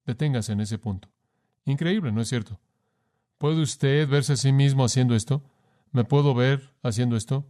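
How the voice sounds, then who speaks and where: A man's voice: medium pitch, normal speed, warm tone. A man preaching a sermon with emphasis, addressing the listener formally and asking rhetorical questions.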